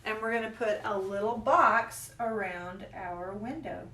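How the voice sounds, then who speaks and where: A woman with a Southern US country accent who gives a calm, chatty, step-by-step painting lesson as an instructor. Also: medium pitch, a little slow, far from the mic. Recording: roomy sound, mic set back.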